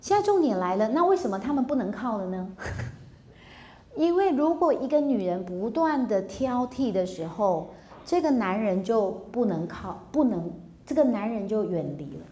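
A woman in her fifties with a Taiwanese Mandarin accent, giving a public lecture on relationships. She tells personal stories in a lively way and acts out dialogue, often laughing. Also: on the high side, moderate pace, reverberant.

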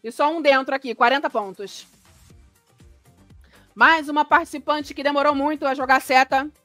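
A woman hosts a live reaction stream in a high, bright-pitched voice, chatting and exclaiming as she reads viewer comments aloud. Her sound is dry and close, with faint music underneath. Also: normal speed, no room sound.

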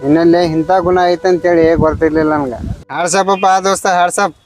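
A man's voice: fairly high pitch, fairly even intonation, fast, soft background music, lightly acted, low-quality recording. A man playing a kind driver speaking with feeling about his friend. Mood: moved. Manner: earnest, moved. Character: fellow driver, kind and earnest.

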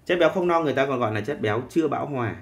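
Male teacher, mid-pitched voice, dictates steadily and keeps checking in with the class. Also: animated, rapid-fire. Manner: dictating, often checking in with students. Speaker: chemistry teacher. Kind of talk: live online chemistry lesson.

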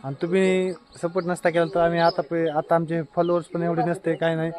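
A young man from Maharashtra, a family vlogger, chatting casually and repetitively to his viewers outdoors by his house on a phone camera. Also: on the high side. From Maharashtra, India. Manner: chatty and repetitive, often calling loudly to his wife. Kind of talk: casual vlog talk to viewers.

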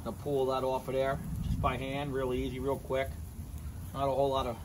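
Despite a completely flat, medium-pitched delivery at a fairly quick pace, this fifty-something home cooking vlogger is enthusiastic, raving about fresh ingredients and repeating his catchphrases. He films on a handheld phone against a noisy background, sniffing and tasting food in his indoor kitchen and later at a grill on his outdoor deck.

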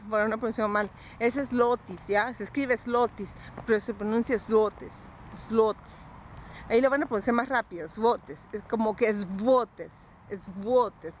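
A woman's voice: on the high side, a little hiss or hum. A woman giving casual advice in a vlog, chatty and earnest, often repeating her pleas and laughing.

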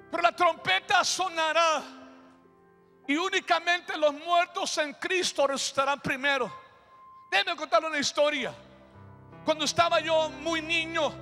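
Male pastor, animated sermon storyteller; long church-hall echo with faint music underneath. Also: extremely high pitch, vocal fry. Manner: animated preaching with shouted bursts and sound effects.

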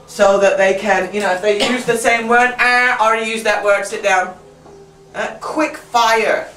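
A woman leading a teacher training workshop, brisk and chatty, who keeps checking in with "right?". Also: on the high side, a bit bright, a little hiss or hum. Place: classroom. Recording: roomy classroom from far off.

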